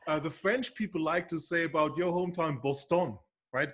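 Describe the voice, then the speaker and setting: A man's voice: fairly high pitch, brisk, fairly bright tone. Teasing male analyst guest. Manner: playful and teasing, frequent "right?" tags. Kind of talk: casual interview chat.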